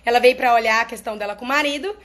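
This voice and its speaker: This therapist talks to her followers rapid-fire in a high, slightly bright voice. Her tone is casual and explanatory, and she keeps pausing to check on the people listening.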